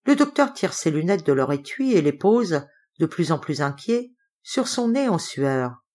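A woman narrating a classic novel as an audiobook reader, with lively expressive storytelling. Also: deep voice, measured pace.

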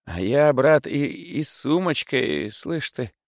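Man voicing a frightened sick old miser, rambling, muttering, high voice, storybook. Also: sing-song, no echo, clean studio sound. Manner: muttering, halting, rambling with mumbled asides.

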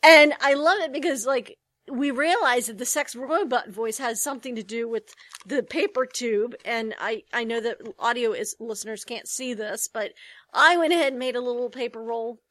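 A woman's voice: fairly high pitch, moderate pace, a bit bright, dry recording. A woman co-hosting a podcast, chatting loosely about a TV episode, rambling and correcting herself as she goes. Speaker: podcast co-host. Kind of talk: casual TV episode discussion.

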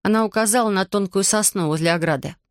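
A woman reading a fantasy audiobook in an even storytelling manner. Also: mid-range voice, fast, no room sound, studio quality. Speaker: audiobook narrator. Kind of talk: scripted fantasy audiobook narration.

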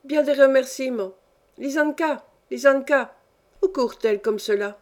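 A woman's voice: high voice, measured pace, darkish tone. A woman reading a story aloud, voicing an imperious, capricious old countess who scolds and gives orders in a peevish, querulous way.

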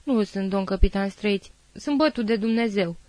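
A woman's voice: medium pitch, darkish tone, no echo, close to an everyday voice. A woman voicing a poor, frightened older male lime-burner who stammers and whines in a dry audiobook recording. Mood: pleading. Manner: stammering, whining, rushed.

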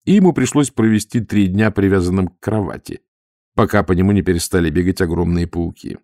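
A man reading an audiobook aloud in a lively, theatrical way. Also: low-pitched, fairly quick, no room sound, clean studio sound. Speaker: audiobook narrator.

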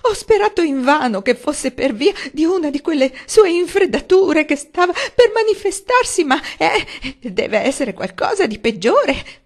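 A woman reading aloud, voicing a distraught middle-aged mother who sobs and wails in a high, tearful voice. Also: sing-song, measured pace. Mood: sobbing. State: sobbing.

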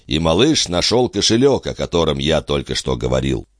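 A man's voice: extremely low pitch, very animated, brisk, dry recording, studio quality. A man voicing a smug, pompous, self-important husband in a read-aloud story. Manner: pompous, sanctimonious.

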